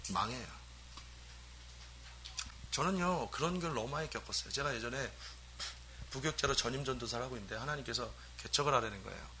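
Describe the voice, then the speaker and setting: A man's voice: mid-range voice, a little fast, long pauses, sharp tone, slight background noise. A middle-aged male pastor preaching a sermon with emphatic call-and-response questions to the congregation.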